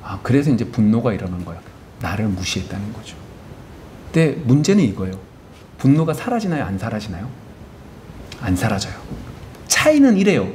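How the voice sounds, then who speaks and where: A man's voice: fairly low pitch, fairly quick, long pauses, a little hiss or hum. A man preaching a sermon as a pastor in a church. He keeps asking the congregation questions and answers them himself. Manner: animated, asks the congregation rhetorical questions; acts out biblical characters in quoted voices. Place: church sanctuary.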